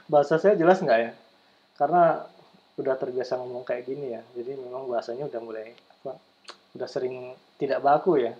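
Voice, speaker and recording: A man gives a loose, conversational lecture to students, wandering through fillers and acting out small examples. His voice sits at an ordinary pitch. The recording sounds dull and lo-fi. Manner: loose, chatty, with fillers and demonstrations.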